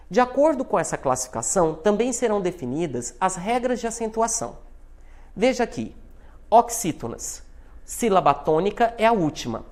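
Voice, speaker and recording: A woman with a Brazilian Portuguese accent giving a scripted grammar lesson, calmly spelling out examples one at a time. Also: fairly low pitch. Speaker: university lecturer. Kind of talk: scripted instructional narration.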